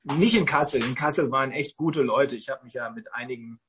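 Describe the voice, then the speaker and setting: A man in casual online talk, rambling and halting with many fillers. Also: medium pitch, a bit bright, slight background noise.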